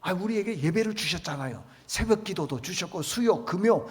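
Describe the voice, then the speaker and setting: Male pastor, sermon, insistent repetition, high-pitched, church echo. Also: lively intonation, fairly quick. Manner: emphatic, rhetorical questions, repeats key words. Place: church sanctuary.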